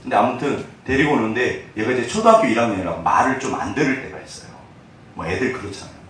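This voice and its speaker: A man in his forties preaching a sermon, telling personal stories in an animated way that swings between loud and hushed. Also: mid-range voice, fast, a little hiss or hum. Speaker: pastor. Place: church sanctuary. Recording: echoey church hall, distant mic.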